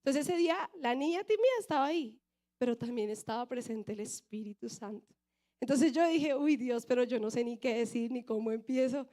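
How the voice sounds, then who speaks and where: A woman's voice: a little high, a little fast. A young woman with a Colombian Bogotá accent preaching a sermon and telling her own testimony, often asking the audience questions. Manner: lively storyteller, asks the audience questions. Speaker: youth preacher.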